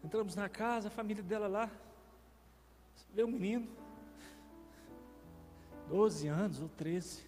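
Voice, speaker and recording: A man's voice: sits high, measured pace, long pauses, darkish tone, in a large hall, soft background music. A male pastor with a Brazilian Portuguese accent, telling a testimony in a sermon, with emotional swells. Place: church.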